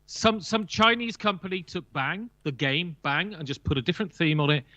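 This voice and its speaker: Speaking at a normal speed, a man with a slightly high, pushed and bright voice chats casually and emphatically about board games, with no echo but slightly muffled audio. He's a guest on a board game list show, sometimes jokey and full of opinions.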